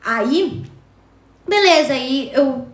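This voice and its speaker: A woman's voice: sits high, drawn-out words, echoey room. A woman telling a personal story casually to her live viewers, acting out the voices from her dream. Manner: animated, acts out quotes from her dream. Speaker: TikTok live streamer.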